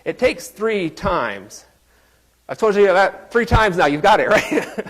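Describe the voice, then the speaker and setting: A man's voice: high voice, expressive, slow pace. A man preaching a sermon in a conversational, joking way, quizzing his congregation. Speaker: pastor.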